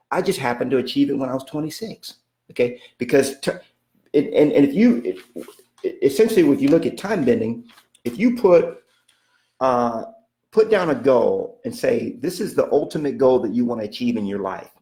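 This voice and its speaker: A man's voice: mid-range voice, dark tone, reverberant. A man giving a motivational coaching talk, emphatic and repetitive, often checking in with "okay?" and speaking of God in a preacherly way. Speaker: real estate coach.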